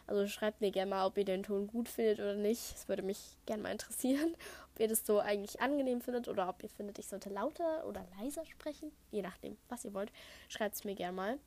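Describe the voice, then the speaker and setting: Recorded at home on an Apple headset, with construction sounds outside, a Saxon girl aged thirteen and a half hosts her podcast in a mid-range, dark-toned voice at a fairly quick pace. She is chatty and rambling as she takes listener questions, often straying from the topic and using lots of fillers.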